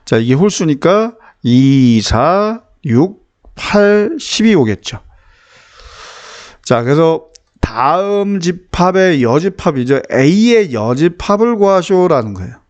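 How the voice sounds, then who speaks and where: A man's voice: on the high side, very animated, slow pace, darkish tone. Man, math teacher, classroom lecture, explains step by step, keeps checking in with students.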